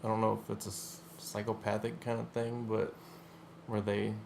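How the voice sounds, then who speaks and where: A man's voice: on the low side, completely flat delivery, moderate pace, gravelly, darkish tone, slight background noise. A man co-hosting a podcast, talking casually and hesitantly, often laughing. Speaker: podcast co-host. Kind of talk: casual chat.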